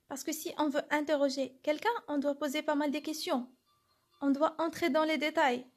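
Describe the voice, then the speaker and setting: High-voiced woman teaching a lesson. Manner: explains step by step, asks and answers questions herself. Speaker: French teacher. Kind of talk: classroom lesson.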